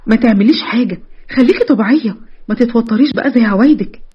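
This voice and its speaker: A woman's voice: a little high, breathy edge, lo-fi sound. A woman voicing a witty, protective young best friend who teases and bosses in an Egyptian accent. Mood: teasing. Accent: Egyptian Arabic. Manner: teasing, brisk, commanding.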